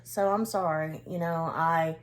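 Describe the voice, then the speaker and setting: A woman's voice: low voice, steady tone, a little slow. A woman chatting casually to camera as a vlogger, in a hesitant, rambling way that trails off.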